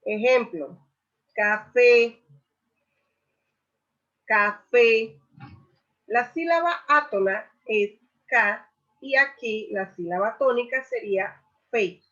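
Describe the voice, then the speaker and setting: A woman teaching a Spanish grammar lesson, explaining slowly and saying each example word loudly, then repeating it. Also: fairly high pitch, lively intonation. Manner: stresses example words loudly and repeats them. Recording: dull lo-fi recording.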